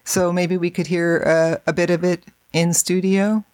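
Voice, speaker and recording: An interviewer asking relaxed, curious questions in a casual studio chat. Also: mid-range voice, a little slow, clean tone, no echo.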